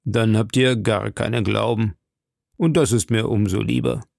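A man's voice: medium pitch, unhurried, gravelly, dry recording, studio quality. A man reading a sneering English lord. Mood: mocking. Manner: sneering, mocking. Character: mocking, scornful English nobleman. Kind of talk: audiobook character voice.

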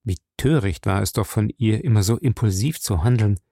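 A male audiobook narrator tells the story at a measured, steady pace. His voice has a gravelly, creaky texture. It is recorded close and dry, with no room sound. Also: lowish voice, dry recording. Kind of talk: scripted narration.

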